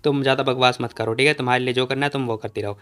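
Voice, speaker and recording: A man's voice: medium pitch, fairly even intonation, very fast, fairly bright tone, smooth, pitched below the performer's own voice, close to an everyday voice. A man voicing a stubborn, sulking young man who grumbles curtly in a storybook recap. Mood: sulky. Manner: curt, grumbling complaints.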